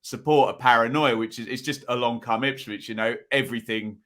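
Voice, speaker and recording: Male podcast co-host, bright forward tone at average pitch, casual and tentative football chat. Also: fairly even intonation, fairly quick.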